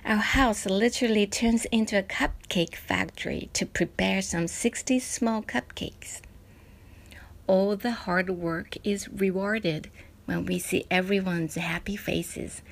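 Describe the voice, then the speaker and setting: This is scripted personal narration of a parenting essay, presented by a woman from Japan who is in her 40s. She speaks at a medium pitch.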